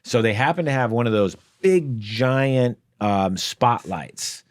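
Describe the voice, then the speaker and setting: A man's voice: mid-range voice, lively intonation, slow, no room sound. A man, a guest comedian, telling rambling anecdotes in casual podcast chat, with many fillers and laughs. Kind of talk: casual storytelling. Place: podcast studio.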